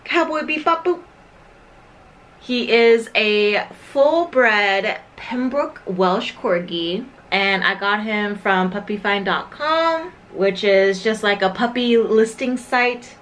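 A woman's voice: medium pitch, takes it slowly, few pauses, fairly bright tone. A young woman chatting casually to camera, sometimes cooing at her dog in a sing-song voice. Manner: chatty, with baby-talk to the dog. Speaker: vlogger introducing her new puppy.

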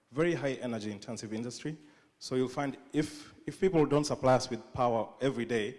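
A man's voice: medium pitch, darkish tone. A young man with a Kenyan accent giving a live conference talk on a stage with a handheld mic, humorous and self-deprecating, often restarting his sentences. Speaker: conference speaker. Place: large dark auditorium stage. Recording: long reverb of a hall.

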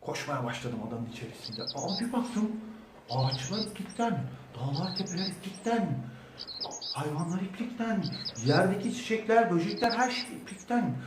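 A man's voice: high voice, animated, moderate pace. A man telling a children's story in a playful, theatrical way, as a clown doctor. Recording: roomy echo, mic at a distance, faint background hum.

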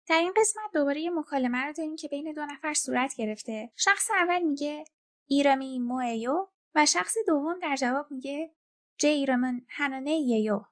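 A woman giving a scripted language lesson, speaking clearly and patiently and repeating each example slowly. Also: high-pitched. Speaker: language teacher.

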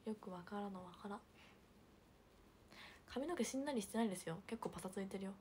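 A young woman livestreaming, chatting casually and reading viewer comments, with a hint of Hiroshima dialect and soft murmured asides. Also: mid-range voice, fast, slight background noise. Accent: picking up Hiroshima dialect. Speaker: idol livestreamer.

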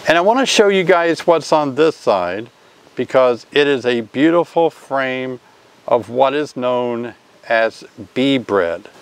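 An older man teaches beekeeping in a casual vlog, speaking slowly in a smooth, animated, medium-pitched voice. He's chatty and often asks viewers questions. He records outdoors by a hive, then on a covered porch.

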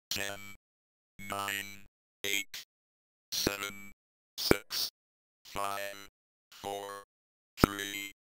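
A synthesized robotic voice acting as a spaceship computer, announcing alerts in clipped, evenly spaced words. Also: deep voice. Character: flat computerized spaceship warning voice. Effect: robotic speech-chip voice, stiff and monotone. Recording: old arcade audio with steady hum.

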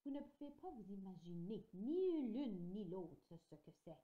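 A woman reading the part of an elderly woman storyteller, speaking slowly and solemnly, in a dull lo-fi home recording. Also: mid-range voice, very animated, dark tone.

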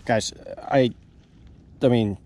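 Excitable man fishing by a pond. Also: medium pitch, takes it slowly. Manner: excitable, talks to the fish and viewers. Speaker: fishing vlogger. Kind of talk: casual narration while fishing. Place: outdoors at a pond bank. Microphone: head-mounted action camera. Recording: outdoor camera mic with nature noise.

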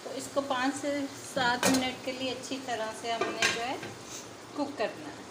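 There's a lot of noise in this casual cooking demonstration, with loud sizzling echoing around the kitchen. The host, a woman with a fairly high pitch and fairly even intonation, speaks a little slowly and chats through each step at the stove.

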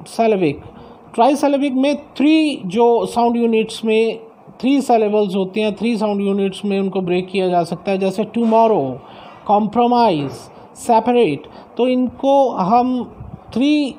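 A woman teacher explaining a lesson, slow and deliberate, drawing out words as she reads them aloud. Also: fairly high pitch, dark tone.

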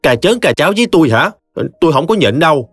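A man voicing a sulky, sharp-tongued young bride with a Southern Vietnamese accent, talking in a whiny, defiant way. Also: a little high, big pitch swings, a little fast, no echo, faint music behind, pitched above the performer's own voice.

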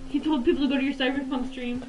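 A woman's voice: high voice, fairly even intonation, quick pace, a little mellow, poor audio. A woman streaming a game, chatting casually, reading viewer comments aloud and swearing now and then. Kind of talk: casual gameplay chat.

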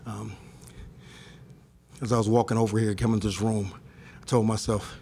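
A middle-aged male coach sits at a press table with a table mic, talking frankly and with emphasis after a game. His voice has a gravelly edge, he often repeats words as he restarts, and a light hiss runs under the room. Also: on the low side, darkish tone. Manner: candid, repetitive restarts, emphatic. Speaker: head basketball coach. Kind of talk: postgame press conference. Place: press room in front of a sponsor backdrop.

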